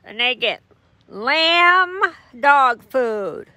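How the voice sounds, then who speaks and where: A woman's voice: sits high, expressive, drawn-out words, pushed and bright, dry recording. A woman with a Michigan accent, chatting outdoors by a lake and cooing doting baby talk at her puppies. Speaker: dog breeder. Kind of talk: casual chat to puppies and viewers.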